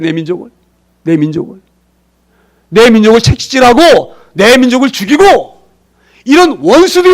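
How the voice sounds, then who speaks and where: Speaking as a pastor, a man delivers an emphatic sermon. He poses rhetorical questions to the congregation and acts out quoted voices, his pitch and volume swinging sharply.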